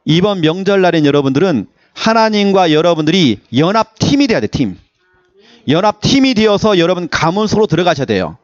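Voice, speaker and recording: A man's voice: sits high, fairly quick, no room sound, highs cut off. A man preaching a Sunday sermon as pastor, in a playful, joking manner. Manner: animated, playful preaching with jokes. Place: church service.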